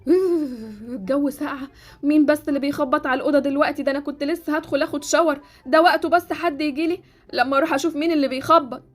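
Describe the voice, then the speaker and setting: A woman's voice: sits high, rapid-fire, soft background music, natural voice. A woman voicing a grumbling, irritable grandmother with an Egyptian Arabic accent. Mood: grumpy.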